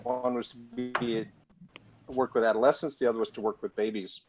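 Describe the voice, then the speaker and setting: A man, a physician on a panel, answers questions over a remote call. His connection keeps breaking up, so his words cut in and out in halting fragments. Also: medium pitch, flat delivery, music in the background. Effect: connection breaking up, audio cutting in and out. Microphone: remote call microphone. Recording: choppy, dropping-out remote call audio with faint noise.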